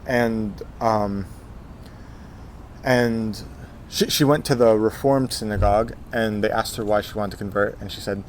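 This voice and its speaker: A man's voice: fairly low pitch, steady tone, unhurried, slight background noise. A man in his twenties, born in Texas, telling his life story in a casual interview, with many fillers and restarts. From Texas, USA. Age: 20s. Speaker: interview guest.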